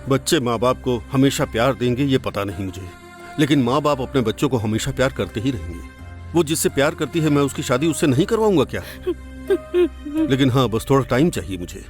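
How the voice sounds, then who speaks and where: A man dubbing a devoted father, earnest, pleading, lively pitch, faint music. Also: fairly quick, close to an everyday voice. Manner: pleading, then proud and steady. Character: devoted middle-aged village father. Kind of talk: Hindi film dub.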